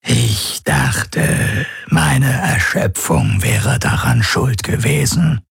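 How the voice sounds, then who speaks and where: A man voicing a male alien telepath who murmurs slowly in a whisper-like voice. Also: medium pitch, very animated, gravelly, husky, no echo, clean studio sound, pitched above the performer's own voice, full character voice. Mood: murmuring. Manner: slow, murmuring.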